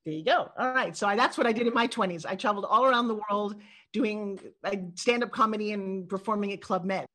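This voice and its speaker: A middle-aged woman from New York, a guest in an interview, telling stories in a quick and expressive way. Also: medium pitch. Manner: animated storyteller, quick and expressive. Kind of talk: interview conversation.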